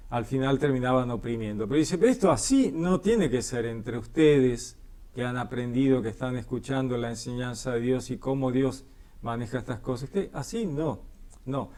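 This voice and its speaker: A man's voice: mid-range voice, a little mellow. A man with a Rioplatense Spanish accent leading a Bible study, reading passages and explaining them conversationally with frequent questioning tags.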